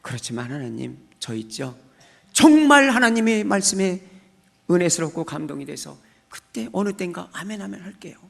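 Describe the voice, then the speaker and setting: A man's voice: sits high, very animated, moderate pace, vocal fry. A middle-aged man, a church deacon, giving a testimony with dramatic acted-out prayers and cries of amen. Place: church service hall. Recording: long church hall reverb.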